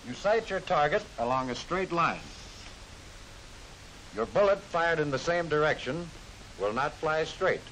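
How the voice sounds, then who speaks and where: This is a hissy, low-quality recording of an American man narrating a scripted training film in the style of a 1940s-50s newsreel, speaking as a military gunnery instructor. His voice sits on the high side, animated and a little bright, yet his delivery stays formal, measured and instructive.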